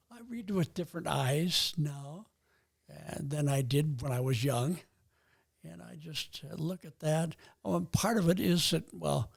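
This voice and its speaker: Very old man, about ninety, husky and slightly high, halting, thoughtful interview talk. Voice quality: very old man's voice, gravelly and husky. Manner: halting, pausing to think. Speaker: podcast guest, retired pastor.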